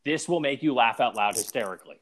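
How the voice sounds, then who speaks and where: A young man co-hosting a casual podcast, telling things in an animated way, laughing and sometimes losing his train of thought. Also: mid-range voice, quick pace. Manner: animated storyteller, laughs and trails off mid-thought. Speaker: podcast co-host.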